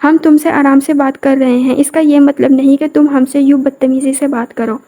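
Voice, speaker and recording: A rude, domineering young husband barks orders and mocks his new wife, as a woman narrator reads him in her own high voice. The tone stays mellow and soft-edged. He sounds commanding and scornful throughout this audio novel scene. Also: fairly even intonation. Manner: bossy, mocking, commanding.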